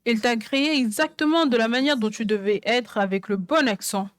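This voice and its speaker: A woman preaches a sermon in a fairly high voice. She drives her points home by repeating phrases again and again, and the sound is dry and close. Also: moderate pace, smooth, no echo. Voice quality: songwriter speaking of her own songs. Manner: emphatic, repeats phrases for stress.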